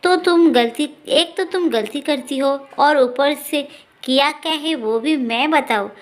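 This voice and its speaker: A woman voicing a quick-tempered young man who scolds his wife. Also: sits high. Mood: angry.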